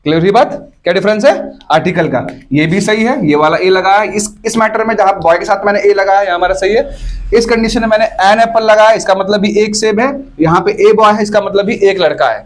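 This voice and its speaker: A man's voice: sits high, brisk. A man teaching an English grammar class to students, explaining step by step and often stopping to ask whether everyone has understood. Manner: keeps checking whether students follow, repeats points.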